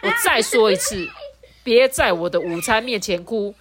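A woman's voice: mid-range voice, sing-song, moderate pace, background noise, lightly acted. A woman voicing a rude, hungry male elephant bully who sneers and snorts as he talks. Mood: sneering.

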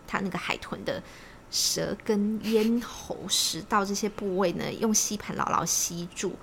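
Woman podcast co-host, gravelly tone, chatty storyteller, faint hiss behind. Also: mid-range voice. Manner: chatty storyteller, quick repeated agreement. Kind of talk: casual podcast chat.

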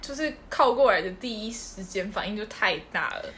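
A woman's voice: medium pitch, expressive, a little fast, fairly bright tone. A woman co-hosting a podcast, chiming in with short reactions and questions during a casual chat. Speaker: podcast co-host.

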